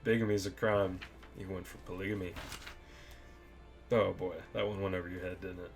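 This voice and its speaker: A man with a lowish voice runs a casual comedic monologue. He is crude and self-amused, and he chuckles at his own gags in an offhand way. Faint music plays under him. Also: little pitch movement, normal speed, gravelly. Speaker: video host reciting limericks.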